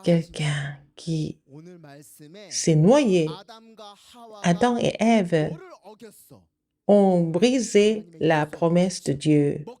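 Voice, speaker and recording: A woman giving a children's sermon, asking the kids questions and answering them, with sudden high exclamations. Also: extremely slow, long pauses, mellow. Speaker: kindergarten preacher.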